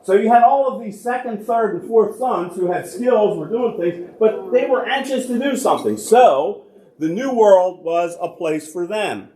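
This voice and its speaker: Speaking unhurriedly, a male church archivist from the United States walks a congregation through local history in an easygoing, conversational lecture style. He frequently raises questions only to answer them himself, in a voice pitched slightly high for a man. A big church hall lends the audio a spacious echo.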